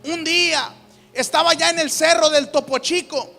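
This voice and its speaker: A man's voice: extremely high pitch, fairly even intonation, moderate pace, creaky, sharp tone, in a large hall, faint music behind. A man preaching his personal testimony, fervent and often calling listeners brother. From Mexico. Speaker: evangelist giving testimony.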